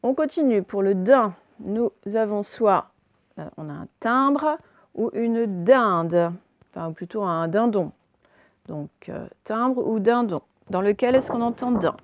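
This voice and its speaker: A woman teaching a recorded phonics lesson to young pupils, slowly and carefully pronouncing example words. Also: medium pitch, expressive, no room sound. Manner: slow, carefully articulated words for dictation. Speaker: primary school teacher.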